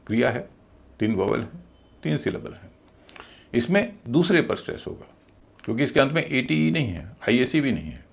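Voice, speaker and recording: A man gives a video lesson on pronunciation. His voice has a gravelly, creaky edge, and his pitch rises and falls a lot as he stresses points. He explains patiently and repeats each key word. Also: big pitch swings, normal speed, pauses often. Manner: patient step-by-step explaining, spells words letter by letter, repeats key words. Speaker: English pronunciation teacher.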